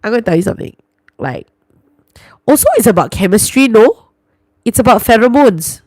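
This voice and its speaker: A young woman livestream host from New Zealand and Singapore, with a Singaporean English accent, chats casually and reacts aloud to viewer comments, sprinkling in "lah" and "lor." Her voice is on the high side and darkish in tone, with lively intonation at a normal speed, recorded with no echo.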